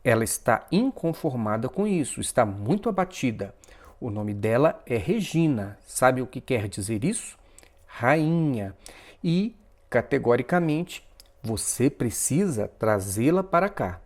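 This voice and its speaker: A man voicing Abraxas, a commanding male spirit guide with a very deep, booming voice, in a read-aloud story. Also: sing-song, a little slow. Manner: commanding, insistent.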